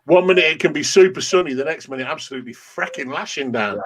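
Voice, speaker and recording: A man's voice: fairly high pitch, lively intonation, quick pace, a bit bright, a little hiss or hum. A man, swearing and teasing his friends in casual banter on a video call. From English Midlands. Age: 50s. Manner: swearing, teasing, laughing a lot.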